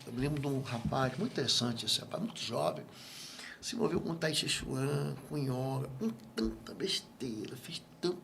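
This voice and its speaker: A man with a Brazilian Portuguese accent, a guest pastor teaching in an interview and telling stories with lively acted-out dialogue. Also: mid-range voice, gravelly, slight background noise. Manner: animated storyteller who acts out quoted dialogue. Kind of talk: interview, teaching on spiritual matters.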